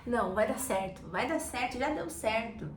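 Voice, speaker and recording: A woman with a Brazilian Portuguese accent coaching viewers on their emotions, lively and talking straight to them, acting out everyday examples. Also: on the high side, normal speed. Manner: animated, acts out examples and talks straight to viewers. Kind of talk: informal teaching talk to camera. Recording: echoey room with faint background noise.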